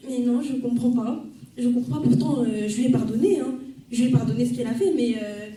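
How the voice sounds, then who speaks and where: A woman's voice: fairly high pitch, brisk, mellow, lightly acted. A young woman playing a churchwoman who sweeps and feels overlooked, hesitant and plaintive, in an amateur church sketch. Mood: aggrieved. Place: church hall. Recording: echoey church hall, distant mic.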